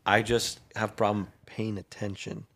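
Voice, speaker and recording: A young man hosting a podcast, telling stories in an animated way and saying "dude" a lot. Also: on the low side, measured pace. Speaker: podcast host. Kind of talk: casual chat.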